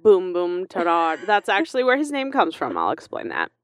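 A woman's voice: medium pitch, wildly swooping pitch, a little fast, no echo. A young woman co-hosts a chatty podcast, her voice swinging up and down as she tells a story. She laughs often and fills gaps with ums. The sound is dry and close. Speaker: podcast co-host. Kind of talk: casual chat, storytelling.

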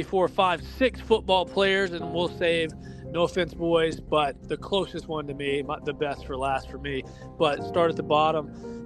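Upbeat man hosting a sports podcast. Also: fairly high pitch. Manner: upbeat, announcing names in a list. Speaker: podcast host. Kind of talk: casual sports podcast chat. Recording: music bed under the talk.

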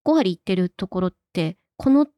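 A woman in her thirties with a cute, high, anime-girl voice, speaking as a guest reporter in a casual podcast discussion. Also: animated, normal speed, mellow, no room sound. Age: 30s.

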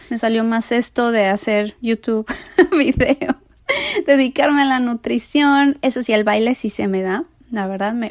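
A woman's voice: a little high, no room sound, clean studio sound. A young woman hosting a casual podcast, chatty and rambling, laughing as she talks. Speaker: podcast host, nutrition creator.

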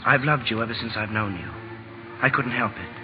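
Man acting an earnest young suitor, mid-pitched. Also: fairly quick, natural voice. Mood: pleading, lovestruck. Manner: earnest, pleading. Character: ardent, boyish young suitor, devoted and humble. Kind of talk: 1940s radio drama acting. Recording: old lo-fi radio recording, music behind.

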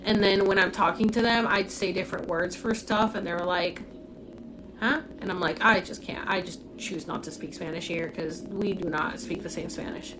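Speaking into a phone against background noise, this livestream host has a lowish voice, fairly even intonation, and a moderate pace. She's a young woman from Puerto Rico who grew up in Florida, casually responding to viewers' comments. Her talk is frank and blunt, full of swearing and "like."

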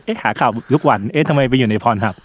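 A man's voice: medium pitch, animated, fast talker, no room sound, studio quality. A man co-hosting a casual podcast, explaining things in a chatty way and laughing often. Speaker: podcast co-host.

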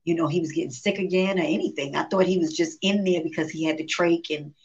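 A woman with a fairly low voice talks quickly as the guest singer in a casual interview. She tells lively stories, acts out quotes and laughs often, all captured in dull lo-fi live stream audio.

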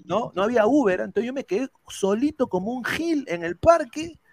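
A man's voice: very high voice, expressive, normal speed, a crowd in the background. A man, telling a personal story in casual chat, rambling with lots of restarts. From Peru. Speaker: panelist.

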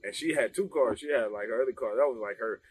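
A young man telling a casual story among friends, animated and laughing, full of slang and swearing. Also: mid-range voice, quick pace.

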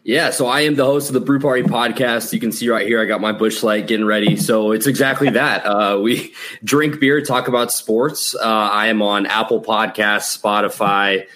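A man from the Chicago area talks sports as a show guest. His voice sits fairly low and his style is casual, like a podcaster chatting with fellow fans. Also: fairly even intonation, normal speed, fairly bright tone, a little hiss or hum. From Chicago area, United States.

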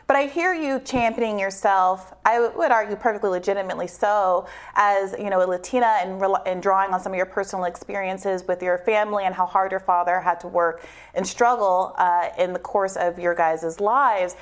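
A woman co-host of a news show, asking probing questions in a measured, halting way. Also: medium pitch, steady tone. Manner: measured, hesitant, drawn-out questions.

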